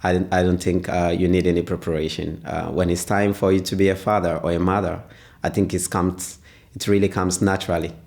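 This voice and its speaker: A man, answering interview questions as a father, pausing often and searching for words. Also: sits low, flat delivery, gravelly, darkish tone. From Ghana. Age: 20s. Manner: hesitant, pauses often with "uh".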